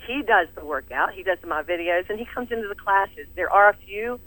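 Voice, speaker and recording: A woman's voice: medium pitch, lively intonation, brisk, fairly bright tone, no echo, poor audio. A middle-aged woman with a Southern US accent, talking energetically as a fitness studio owner in an interview, laughing often. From American South. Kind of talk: enthusiastic interview talk.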